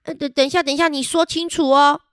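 A woman's voice: high-pitched, fairly even intonation, fast talker, no echo, studio quality, pitched above the performer's own voice, close to an everyday voice. A woman voicing a brave, blunt young male rhinoceros beetle who presses with questions. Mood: puzzled.

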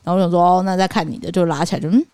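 A woman's voice: lowish voice, fairly even intonation, racing, a little mellow, dry recording. A woman co-hosting a podcast, chatting casually and adding wry, dry remarks. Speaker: podcast co-host. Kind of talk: casual chat.

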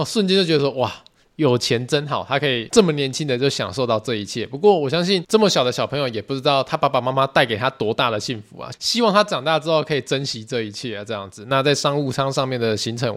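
A man in his thirties with a Taiwanese Mandarin accent, hosting a solo podcast and telling stories in a chatty, animated way. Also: mid-range voice. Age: 30s. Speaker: podcast host.

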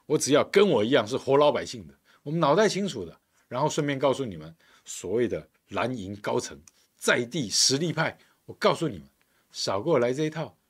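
In a slightly rough, mid-range voice, a podcast host who is also a council candidate offers combative political commentary laced with sarcasm, delivered as a monologue.

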